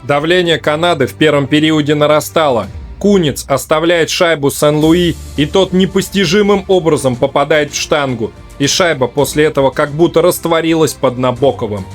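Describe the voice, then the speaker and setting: A man's voice: on the high side, normal speed. A man hosting and narrating a scripted hockey match recap for a video channel. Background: music.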